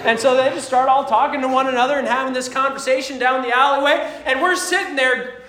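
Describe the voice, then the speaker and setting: High-voiced preacher in an echoey hall. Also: male voice, quick pace, a little hiss or hum. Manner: animated, swings between loud exclamations and hushed asides. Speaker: pastor. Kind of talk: sermon with scripture reading.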